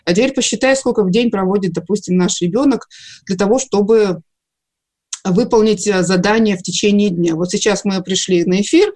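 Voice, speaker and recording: A middle-aged woman speaks as an interview guest, measured and explanatory, with a mid-range voice. She lays out her points one by one as a teacher would. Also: medium pitch, darkish tone. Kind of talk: broadcast interview.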